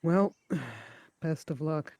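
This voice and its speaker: A man's voice: fairly high pitch, expressive, very slow, mellow. A man playing a tabletop role-playing game, chatting casually as a player.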